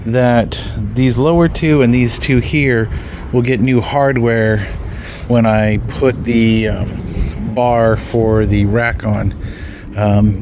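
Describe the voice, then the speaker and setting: A man's voice: mid-range voice, noisy background. A man giving casual, rambling commentary outdoors while working on his own vehicle, full of ums and mild swearing. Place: outdoors in a yard beside a vehicle.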